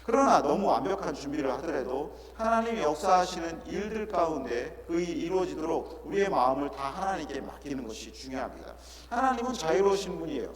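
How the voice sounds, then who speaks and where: A middle-aged male pastor preaching an earnest sermon, often asking rhetorical questions and dropping into softer asides. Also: fairly high pitch. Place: church sanctuary. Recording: echoey church hall with congregation.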